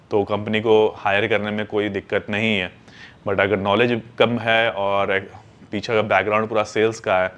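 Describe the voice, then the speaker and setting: A man's voice: lowish voice, fairly bright tone. A man hosting his own video channel, speaking in a casual advice style. He talks loosely and informally and often repeats or restarts a phrase as he works out his point. English words turn up throughout his speech. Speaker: YouTube host.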